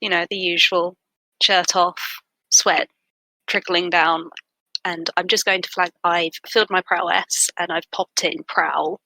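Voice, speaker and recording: A woman plays a tabletop game and describes the action casually. Her voice is on the low side with a bright edge. The recording is very dry. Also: fairly even intonation, unhurried, no room sound, rough recording. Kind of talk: casual tabletop role-play chat.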